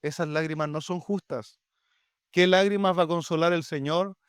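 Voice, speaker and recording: A man's voice: a little high, fairly even intonation, normal speed, clean tone, no room sound, clean studio sound. A man with a Chilean Spanish accent, a pastor preaching a sermon in an earnest, pleading way, often addressing his listeners directly.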